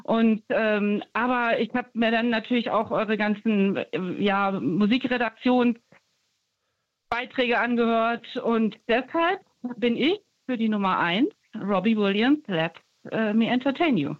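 A woman in her fifties from Stuttgart calls in to a radio show. She talks in a hesitant, rambling way with many fillers, in a fairly high voice. The phone line sounds dull and dry. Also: a little slow, no room sound. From Stuttgart, Germany. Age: 50s. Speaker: caller.

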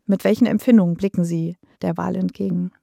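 A woman interviewer asking measured, carefully built questions. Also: fairly low pitch, steady tone, creaky, warm tone, no echo, studio quality. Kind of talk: radio-style interview questions.

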